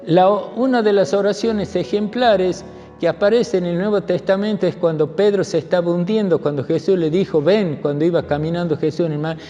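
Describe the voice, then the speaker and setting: Pastor preaching, pretty high voice, repeats his points, long church echo. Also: steady tone, brisk, dark tone, soft background music. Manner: storytelling, repeats key phrases for emphasis. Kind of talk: sermon. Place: church sanctuary. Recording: dull recording with long church reverb.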